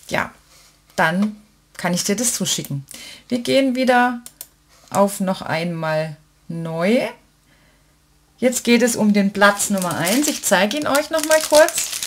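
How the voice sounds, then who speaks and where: A woman's voice: medium pitch, a little hiss or hum. A woman hosting a casual giveaway announcement, chatting step by step and addressing her viewers fondly. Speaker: craft channel host announcing giveaway winners. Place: indoors at a desk with a laptop.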